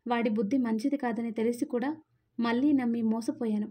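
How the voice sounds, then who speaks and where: A woman's voice: fairly high pitch, steady tone, a little fast, dark tone, natural voice. A woman voicing a hurt young wife in a storybook reading, tearful and pleading.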